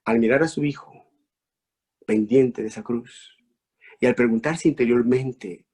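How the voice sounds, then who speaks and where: Husky mexican-born priest preaching, lots of rhetorical questions, voice jumps up high to stress things. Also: male voice, measured pace, darkish tone. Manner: emphatic rhetorical questions, sweeping rises in pitch. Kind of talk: preaching reflection. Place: online talk.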